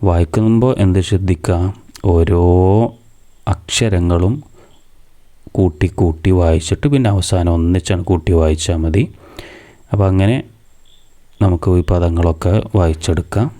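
A man with a Malayali accent gives a patient reading lesson to small children, spelling out each syllable and then blending it into a word. His voice sits low, with a very dark, mellow tone. He keeps asking simple questions and then answers them himself. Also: fairly even intonation, normal speed, long pauses. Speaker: madrasa teacher.

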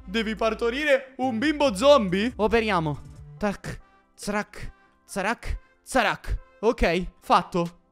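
A young man hosting a gaming channel, giving playful gameplay commentary with excited exclamations, repeated phrases and frequent stumbles. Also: high voice, takes it slowly. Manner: animated, exclaiming, often stammering and repeating. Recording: faint background music.

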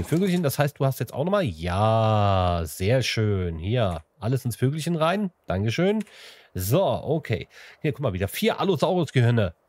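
A man's voice: mid-range voice, a little hiss or hum. A man narrating his own gameplay in a casual, chatty way, talking to the animals and to his viewers with playful sing-song bits. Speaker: let's play host.

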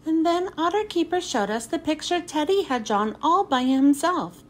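A woman's high-sitting voice carries an animated read-aloud of a picture book for children at an ordinary pace. She closes by expressing thanks to her listeners.

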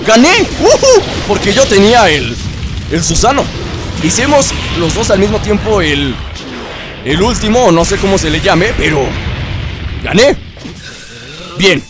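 A man doing casual gameplay commentary, excitable and teasing the game characters as he plays. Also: high voice. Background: game music.

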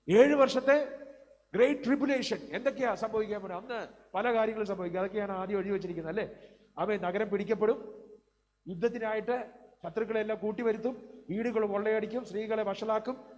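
A man's voice: high voice, a little mellow. A middle-aged male preacher delivering a sermon, filling his speech with amens and words of praise. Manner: preaching with frequent amen and praise interjections. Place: community hall. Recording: hall reverb, faint hum.

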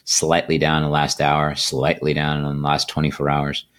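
A middle-aged man hosting a casual crypto video, talking in a relaxed, rambling way with many fillers, recorded at his desk on a computer mic. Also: rumbling low, normal speed. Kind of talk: casual market commentary. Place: indoors at a desk.

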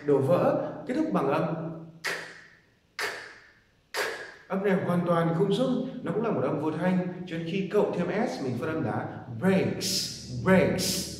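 A man teaching English pronunciation, slowly repeating each word several times. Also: high voice, lively intonation, a little mellow. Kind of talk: pronunciation lesson. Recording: echoey hall from far off.

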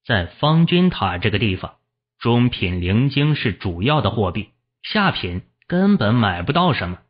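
Man, audiobook narrator, fantasy novel narration, steady storytelling, husky tone, dull lo-fi sound. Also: on the low side, unhurried. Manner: steady storytelling, voicing the characters.

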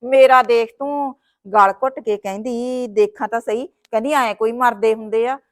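A woman's voice: fairly high pitch, normal speed, natural voice. A woman with a Punjabi accent playing a fretful sister-in-law who scolds and wails dramatically in a village short film. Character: fretful sister-in-law caring for her brother's wife.

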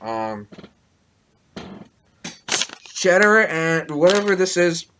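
A man's voice: on the high side, big pitch swings, very slow, sharp tone, a little hiss or hum. A young man vlogging a taste test, talking bluntly with his mouth full of popcorn. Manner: blunt, grossed-out reactions. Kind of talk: casual taste-test commentary.

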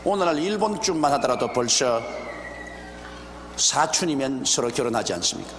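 Older pastor preaching in an echoey hall. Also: male voice, on the high side, a bit bright, slight background noise. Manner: measured, deliberate preaching with pauses and rhetorical questions. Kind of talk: expository sermon. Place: large church sanctuary, behind a wooden pulpit. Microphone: pulpit microphone. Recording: roomy, echoey hall with faint ambience, older broadcast video.

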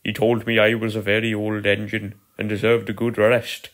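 A man's voice: lowish voice, completely flat delivery, moderate pace, a bit bright, natural voice. A man voicing a lonely, earnest old male narrow-gauge engine in a storybook reading, telling his stories in a chatty, proud way. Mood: wistful. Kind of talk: storybook character voice.

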